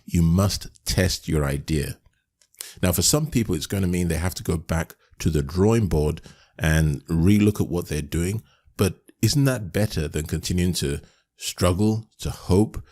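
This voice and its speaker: A man's voice: low-pitched, a little mellow. A man coaching business owners in a recorded course lesson, earnest and emphatic, repeating his points with frequent restarts.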